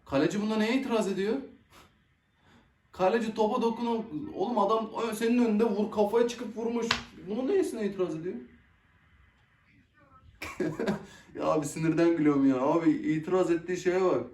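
Excitable young man reacting to football. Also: sits high, fast talker, recorded from a distance. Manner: excitable, swears and groans at missed chances. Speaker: football reaction video host. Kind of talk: casual live match reaction. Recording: echoey room, voice a bit off-mic.

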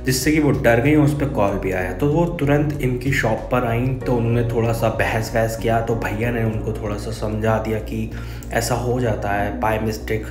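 Talking into his phone for a casual vlog, a young man with a lowish, steady voice earnestly warns his viewers at a normal pace. The recording sounds echoey, with loud music behind him.

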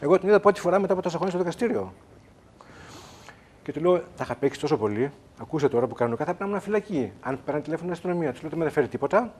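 A man's voice: on the high side, animated, a little mellow, slightly rough. A man who is a guest on a TV talk show, telling his story with emphasis and acting out the other people's lines in quoted voices. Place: TV studio.

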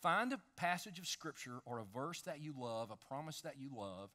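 A man in his fifties preaching a sermon on a large dark church stage, animated, swinging between loud emphasis and hushed lines. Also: mid-range voice, normal speed. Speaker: pastor.

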